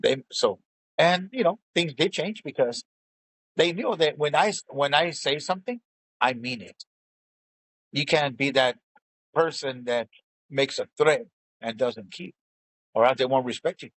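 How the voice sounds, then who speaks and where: A man's voice: medium pitch, a little slow, long pauses, fairly bright tone, low-quality recording. A middle-aged man in casual chat, telling stories bluntly and swearing freely. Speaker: show co-host.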